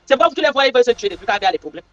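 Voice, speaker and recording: A woman's voice: on the high side, big pitch swings, rapid-fire, fairly bright tone, lo-fi sound. A woman from Cameroon, delivering an angry livestream rant full of mocking, repetitive taunts. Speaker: social media livestreamer.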